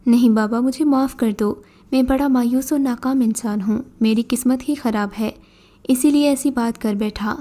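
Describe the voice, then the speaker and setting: A desperate, luckless young man, pleading and confused, read by a woman storyteller. The tone is mellow and pitched fairly high. It plays like a storybook scene. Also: fairly even intonation, natural voice.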